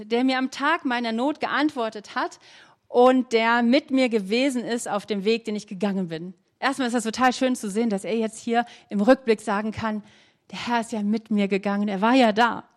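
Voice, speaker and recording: Earnestly preaching, a woman whose voice is fairly high in pitch asks her audience questions and reads passages of scripture slowly, stressing the words.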